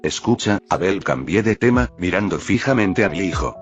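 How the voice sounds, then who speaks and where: A man calmly reading a first-person fan fiction story aloud as narrator. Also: sits low, normal speed. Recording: dull lo-fi audio with faint music.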